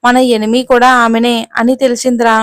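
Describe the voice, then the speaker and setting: A woman's voice: on the high side, level tone, brisk, dry recording, studio quality, lightly acted. A woman voicing a young man who confides bad news to a friend. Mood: confiding.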